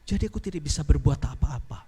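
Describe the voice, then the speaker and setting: A man voicing Jesus in a sermon story, speaking softly, sadly and tenderly. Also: on the high side, lively intonation, quick pace, slightly rough, in a large hall. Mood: sad, gentle. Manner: soft, sad and tender.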